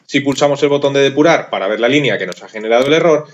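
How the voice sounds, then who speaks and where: A man's voice: mid-range voice, very fast. Man, methodical screencast tutorial, thinks aloud, slightly dull lo-fi recording. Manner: methodical, thinks aloud, self-deprecating about his typing. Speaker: programming course instructor.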